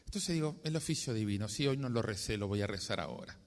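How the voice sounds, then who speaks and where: A man preaching with a Rioplatense Spanish accent, a friar recounting a story to a congress. His pitch swings widely as he plays out his inner dialogue and breaks into sudden exclamations. The voice carries the long reverb of a large hall. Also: lively intonation, fast talker. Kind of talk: storytelling sermon talk at a congress.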